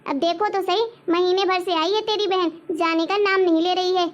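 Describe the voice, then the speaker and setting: A woman's voice: very high voice, steady tone, normal speed, muffled recording. A woman playing a harsh, stingy mother-in-law who scolds and taunts her daughter-in-law in a homemade family drama. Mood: scolding. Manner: scolding, taunting, repeats demands. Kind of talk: homemade web-drama acting.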